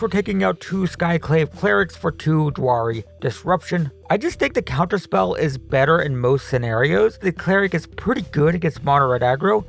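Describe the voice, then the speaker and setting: The host of a card game deck upgrade guide, a man with a slightly high, creaky voice, says he's losing his voice. He explains deck upgrades casually in a chatty voice-over, hedging and often repeating himself.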